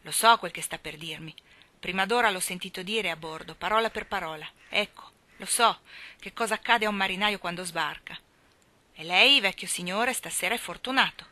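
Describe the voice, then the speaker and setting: A woman's voice: medium pitch, normal speed, sharp tone, no room sound, natural voice. A woman reading a young, burly sailor. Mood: boastful. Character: young, big, strong sailor, boastful then earnest.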